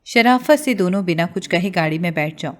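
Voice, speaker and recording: A woman's voice: lowish voice, expressive, lightly acted. A woman voicing a commanding young man who speaks curtly.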